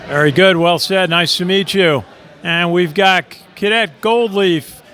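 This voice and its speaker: A man with a high, bright voice conducts casual interviews at an event. He pauses often with "uh" and answers each reply with quick praise. His delivery is friendly but halting. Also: clean tone. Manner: hesitant, many "uh" fillers, brief praise. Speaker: interviewer and video host.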